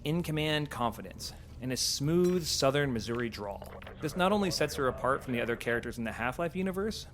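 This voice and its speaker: A man giving scripted developer commentary on a video game, with a measured, explanatory read. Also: mid-range voice, a bit bright, slight background noise.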